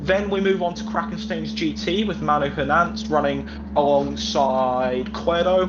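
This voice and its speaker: A man commentating live sim racing, rattling off results, lineups and penalties with the odd wry remark. His voice sits a little high. The stream audio sounds dull and lo-fi. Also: heavy background noise. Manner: rapid stat-heavy team rundown, dry asides. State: slightly out of breath. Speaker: esports race commentator.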